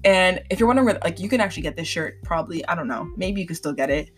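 A woman's voice: lowish voice, lively intonation, very fast, faint music behind. Young woman, candid solo podcast chatter. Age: 20s. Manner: candid and chatty, many fillers. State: slightly sick. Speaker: podcast host. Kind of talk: casual solo podcast talk.

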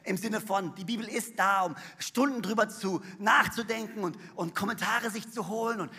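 Man preaching, very high voice, husky, energetic and emphatic, echoing hall. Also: normal speed. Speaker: pastor. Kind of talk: sermon. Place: large church hall on stage. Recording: reverberant hall.

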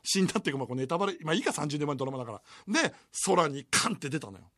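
A high, bright-voiced man in his forties hosts a late-night radio show from a studio. He tells a long story in a lively way and laughs often. The sound is close and dry. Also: racing, dry recording. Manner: animated storytelling with frequent laughter. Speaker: radio host. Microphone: studio microphone.

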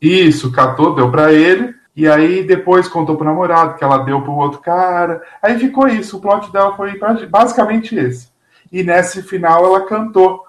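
A man's voice: high-pitched, normal speed. A Brazilian man gossiping casually about TV series in a campy, slangy way. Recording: roomy, echoey voice pickup.

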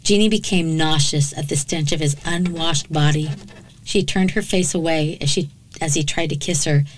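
A woman with a slightly low voice narrates a true crime case in a podcast. Her storytelling is dramatic and measured. She drops in blunt, sarcastic remarks along the way. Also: slight background noise, poor audio.

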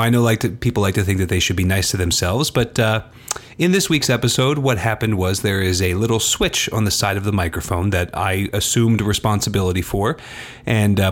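A man co-hosting a podcast in casual, rambling, self-deprecating talk. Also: fairly low pitch. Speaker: podcast co-host. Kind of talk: casual chat and announcements.

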